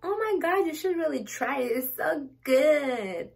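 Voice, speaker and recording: A woman's voice: sits high, lively intonation, slow pace, gravelly, a little mellow, voice pushed up, full character voice. A woman imitating a gushing, trendy young American woman in an exaggerated valley-girl manner.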